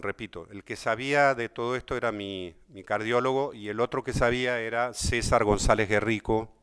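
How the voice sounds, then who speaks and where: Argentine man with a smooth, clear voice. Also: mid-range voice, a bit bright. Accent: Argentine Spanish. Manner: emotional, conversational, repeats himself; addresses listeners directly. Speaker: speaker at a talk. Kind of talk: personal storytelling to an audience.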